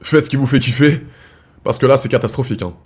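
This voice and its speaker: A fast-talking man with a medium-pitched, darkish, slightly breathy voice runs a live chat show from France. He rambles in slang, addressing viewers as brothers and starting his sentences over.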